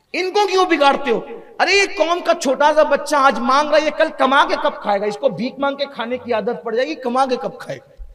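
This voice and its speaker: A man preaching an impassioned sermon, moving between hushed storytelling and shouted exhortation. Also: very high-pitched. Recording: long hall reverb.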